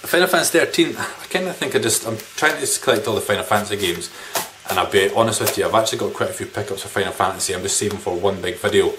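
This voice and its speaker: With a fairly low pitch, this man in his thirties talks very fast and barely pauses. He's a video game collector vlogger in a small living room, giving a rambling, informal, mildly sweary chat to camera about the games he's picked up, against background noise and room ambience.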